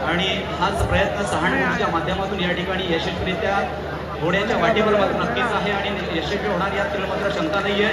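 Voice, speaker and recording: A high-voiced man announces an outdoor festival over a PA loudspeaker, formal and flowery. His voice rings out with echo from a distance. A loud crowd surrounds him. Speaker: event announcer. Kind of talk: live event commentary.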